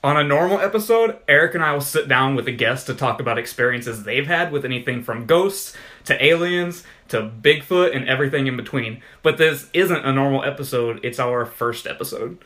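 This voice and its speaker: A man's voice: medium pitch, expressive, fairly quick, hardly any pauses, bright, forceful tone. A man co-hosting a podcast in casual chat, rambling with lots of fillers and restarts. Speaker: podcast co-host.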